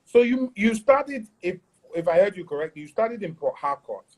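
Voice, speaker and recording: A man hosts a relaxed talk show in a notably high voice. He jokes, teases his guest and breaks into laughter, keeping the chat playful. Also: moderate pace, rough recording. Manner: playful, teasing, laughs often. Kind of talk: casual chat interview.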